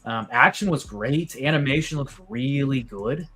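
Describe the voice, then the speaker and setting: A man's voice: medium pitch, normal speed, pushed and bright, soft background music. A man in casual chat, hesitant and hedging, often restarting his sentences.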